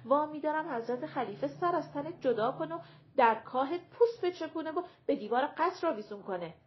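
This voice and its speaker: Woman doing a shrill bossy old woman. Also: expressive, dull audio, a little hiss or hum. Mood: threatening. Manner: commanding, threatening.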